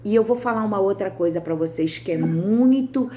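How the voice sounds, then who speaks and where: A woman's voice: medium pitch, lively intonation, moderate pace, mellow, slight background noise. Chatty Brazilian woman preaching. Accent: Brazilian Portuguese. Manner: chatty, keeps checking in with listeners; reads out and answers listener comments. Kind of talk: conversational devotional sermon.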